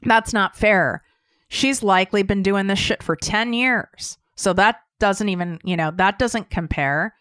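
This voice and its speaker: An American woman hosts a podcast, talking straight to her listeners in a blunt, emphatic coaching style and swearing casually. It's a casual solo coaching talk. Her voice is mid-range, a little slow and fairly bright, recorded in a clean studio with no room sound.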